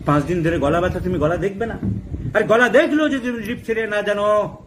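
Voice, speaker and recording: A middle-aged man giving a homeopathy lecture, emphatic, rising to forceful high stresses and mixing in English medical terms. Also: a little fast. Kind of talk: lecture with anecdotes. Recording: faint background noise.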